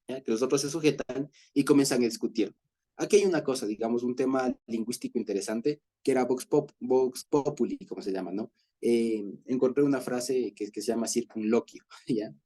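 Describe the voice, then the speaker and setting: A man's voice: medium pitch, warm tone. A man with an Ecuadorian accent leading a Bible study, explaining with everyday examples and chuckling often. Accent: Ecuadorian Spanish.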